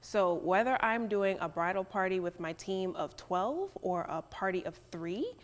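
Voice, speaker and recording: Woman guest from bridal beauty, relaxed chat, recorded in a reverberant space. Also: mid-range voice, normal speed. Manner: conversational, often adds "right?". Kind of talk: casual chat.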